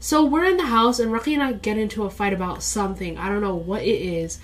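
A woman's voice: mid-range voice, quick pace, slight background noise. A young woman hosting a podcast in casual chat, a teasing storyteller who laughs often. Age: young adult. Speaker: podcast host.

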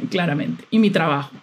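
Young woman, husky voice, chatty and fed-up podcast rant. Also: fairly low pitch. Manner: chatty, exasperated, laughs often. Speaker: podcast host. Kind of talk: casual monologue.

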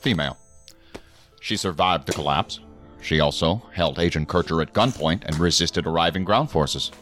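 A male actor voices a commanding federal agency boss in a sci-fi audio drama, low-pitched and fairly bright, talking at normal speed. His delivery is stern, formal, clipped and authoritative, with a brisk, businesslike mood and faint music behind.

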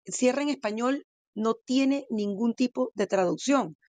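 A woman's voice: fairly high pitch, measured pace, a little mellow, dry recording. A woman giving real estate seminar advice, speaking emphatically and questioning her audience directly. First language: Spanish. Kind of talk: instructive panel talk.

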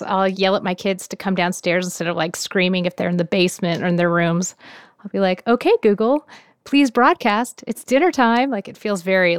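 A woman's voice: medium pitch, smooth, dry recording, studio quality. A woman from Oregon, a listener guest, talking in a chatty, giggly way with many fillers. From Portland, Oregon. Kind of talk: casual interview.

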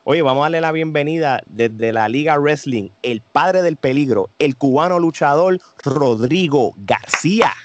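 A man hosting a wrestling podcast, friendly and quick with affirmations. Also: a little high, lively intonation, muffled recording, slight background noise. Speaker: podcast host. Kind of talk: casual interview.

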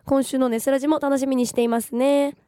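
A young woman from Gifu, hoarse from a cold, with a Nagoya-tinged accent, co-hosting a radio show, reading listener messages and giggling politely. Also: sits high, fairly even intonation, a little fast, mellow, dry recording, studio quality. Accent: Nagoya-tinged Japanese. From Gifu, Japan. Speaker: radio co-host. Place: radio studio.

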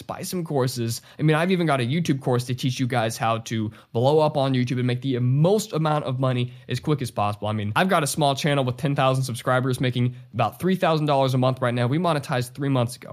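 A man's voice: mid-range voice, darkish tone. Congested young man giving direct, casual advice. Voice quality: congested, stuffy-nosed. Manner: casual, emphatic, addressing viewers directly. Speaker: YouTube host giving money advice. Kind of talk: direct-to-camera advice talk.

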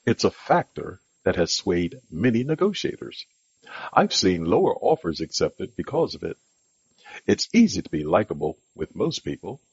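A man's voice: deep voice, big pitch swings, normal speed, husky, no echo, highs cut off. A man hosting a podcast, reading a scripted monologue with an emphatic, instructive delivery. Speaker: podcast host.

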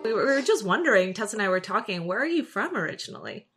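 A woman's voice: medium pitch, very animated, quick pace, over loud music. A woman from New Jersey hosting a podcast and chatting casually with a guest, upbeat and full of fillers. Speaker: podcast host. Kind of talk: casual interview chat.

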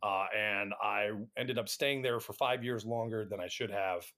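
A man's voice: lowish voice, moderate pace, bright, forceful tone. Wry middle-aged American man telling stories. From United States, Atlanta area. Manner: wry, self-deprecating. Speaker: podcast guest, actor. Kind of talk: casual anecdotal interview chat.

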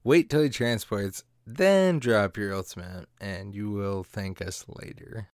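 A man's voice: lowish voice, measured pace, darkish tone, dry recording, clean studio sound. A man co-hosting a gaming podcast, chatting casually and upbeat, often laughing as he talks. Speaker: podcast co-host.

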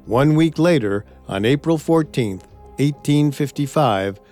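A man's voice: a little high, lively intonation, a little slow, darkish tone. A man co-hosting a history podcast, reading a script and voicing quotes with drama. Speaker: podcast co-host. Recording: faint music bed.

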